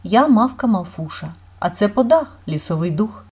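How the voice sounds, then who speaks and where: A woman voicing a lively, curious female forest nymph in a read-aloud storybook, talking eagerly and effusively. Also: medium pitch, normal speed, slightly rough.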